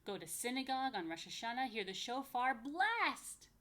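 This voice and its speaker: An American woman, a rabbi who hosts story time for young children, reads a picture book aloud with chatty asides and playful questions for her small listeners. Her voice sits a little high, swings widely in pitch, sounds a bit bright, and moves at a normal speed.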